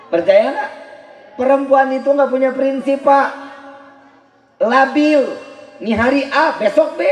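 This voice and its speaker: A man giving a humorous sermon, firing rhetorical questions at the crowd and now and then breaking into shouts for emphasis. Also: very high voice. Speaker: preacher. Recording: echoey live venue.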